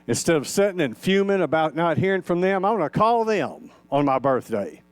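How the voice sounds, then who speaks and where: A minister in his sixties delivers a storytelling sermon in a church sanctuary, his fairly high voice very animated and brisk, with no echo. Folksy and conversational, he shares personal stories and acts out the dialogue.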